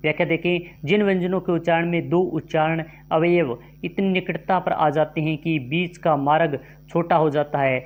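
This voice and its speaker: A man teaching a grammar lesson for exam prep, reading out quiz questions and options, then explaining each answer slowly. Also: on the high side, steady tone.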